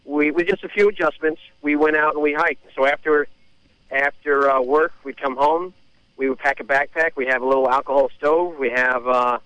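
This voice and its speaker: A man calling in to a radio show, talking casually with many pauses and fillers. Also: on the high side, fairly even intonation, pushed and bright, no room sound, rough recording. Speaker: caller. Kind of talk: casual phone-in chat.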